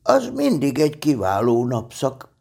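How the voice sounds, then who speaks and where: A man reading a storybook, voicing an eager, impatient little male teddy bear who chatters excited questions. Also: medium pitch, vocal fry, breathy edge, voice pushed up, exaggerated voice.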